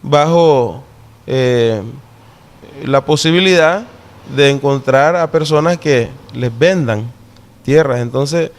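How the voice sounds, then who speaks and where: A mid-range male voice with a Nicaraguan Caribbean coast Spanish accent, deliberately explaining things in an interview and often checking for agreement with short tag questions.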